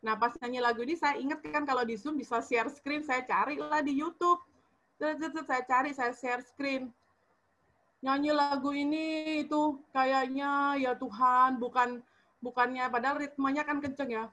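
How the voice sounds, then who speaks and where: A woman's voice: high-pitched, fairly even intonation, moderate pace, pushed and bright. A woman on a video call telling a personal story in casual talk, with many fillers and restarts, acting out the dialogue she quotes. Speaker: church member sharing a testimony.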